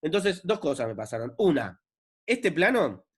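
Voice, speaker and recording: A man with an Argentine accent lectures as a film director, explaining his work in a relaxed, chatty way. His voice sits a bit high, and he keeps checking in with his listeners. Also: moderate pace, slightly rough. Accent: Argentine Spanish. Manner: relaxed, conversational, frequent "¿no?" and fillers. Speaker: film director giving a masterclass.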